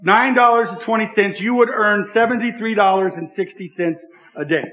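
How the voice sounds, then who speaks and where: Guy preaching to church kids, high forceful voice, keeps asking questions and repeating stuff. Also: normal speed, poor audio. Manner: asks the listeners questions and repeats key phrases. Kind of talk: interactive sermon for children.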